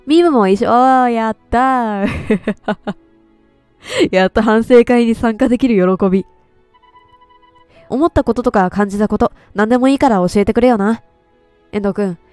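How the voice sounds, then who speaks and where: A woman streamer doing loud, excitable let's play commentary into a close mic. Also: on the high side, no room sound. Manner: excitable, loud, laughs often. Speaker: game streamer.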